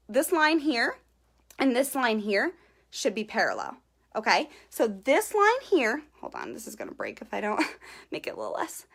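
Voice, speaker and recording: A woman's voice: on the high side, fairly bright tone, slightly rough. A young woman giving a casual live-stream eyebrow tutorial, chatty and a little nervous, tagging nearly every sentence with "okay?" and greeting viewers by name. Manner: giggly and self-conscious. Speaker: beauty vlogger.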